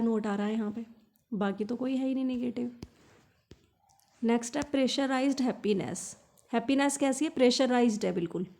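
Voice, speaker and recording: An Indian woman teaching for an exam, reading English lines slowly and explaining them quickly in Hindi. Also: on the high side, a little mellow. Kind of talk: exam-prep lesson.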